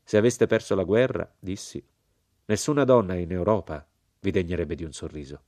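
Low-voiced man reading a novel aloud. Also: moderate pace, darkish tone, no room sound, studio quality. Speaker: audiobook reader. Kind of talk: literary reading.

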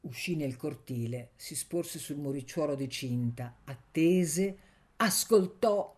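A woman narrating a novel aloud in a measured, expressive reading. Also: sits low. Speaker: audiobook narrator. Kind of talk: scripted literary narration.

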